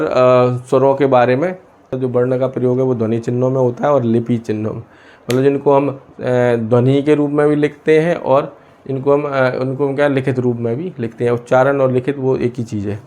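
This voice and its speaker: Hindi teacher, self-questioning lesson. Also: male voice, mid-range voice, steady tone, fairly quick, a little mellow. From India. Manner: asks and answers his own questions, many hesitations. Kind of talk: explaining a lesson.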